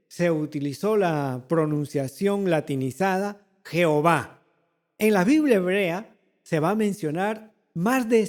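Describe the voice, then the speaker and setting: A man delivers a sermon in a church. His voice sits high and his pace is unhurried. He repeats key words for emphasis and poses rhetorical questions to his listeners. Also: a little mellow, in a large hall. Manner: slow, deliberate preaching with repeated phrases and rhetorical questions. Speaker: pastor.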